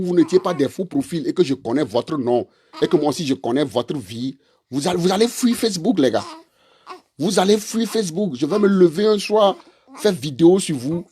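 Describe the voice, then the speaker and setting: A man's voice: on the high side, a little mellow. A man, delivering a confrontational, repetitive monologue that scolds his listeners directly. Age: 40s. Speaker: online commentator; father and husband. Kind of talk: ranting monologue to camera.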